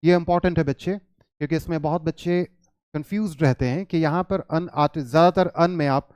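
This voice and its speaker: A man's voice: on the high side, brisk, darkish tone, clean tone, no room sound, studio quality. A man teaches English grammar in Hindi mixed with English, patiently putting questions to his class and answering them himself.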